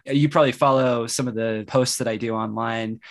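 A man's voice: medium pitch, fairly even intonation, fairly quick, vocal fry. A man hosting a podcast, talking in a laid-back, enthusiastic and encouraging way with casual slang. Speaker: podcast host. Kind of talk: casual interview chat.

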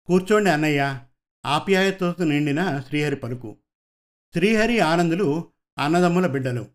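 A man reading a story aloud in a steady, measured way. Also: fairly high pitch. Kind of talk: scripted story narration.

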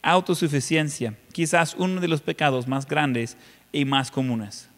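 A male pastor preaching a sermon, swinging between loud passages and hushed ones. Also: a little high, steady tone, measured pace. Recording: long reverb of a large hall.

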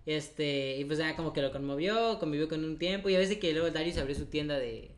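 A young Mexican man with a slightly high voice chats with friends on a podcast. He talks in loose slang, laughs often and swears freely. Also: fairly quick. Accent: Mexican Spanish. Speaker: podcast co-host. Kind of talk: casual chat among friends.

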